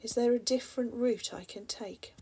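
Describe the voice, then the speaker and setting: Reading rhyming spoken-word verse at a moderate pace, this woman has a fairly high, soft voice that frequently slips into a breathy half-whisper. At points she asks the listener reflective questions.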